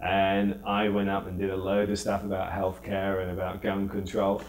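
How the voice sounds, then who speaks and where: A middle-aged British comedian chatting as an interview guest, telling stories with quick acted-out asides. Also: male voice, low voice, completely flat delivery, very noisy. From United Kingdom. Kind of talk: casual interview anecdotes.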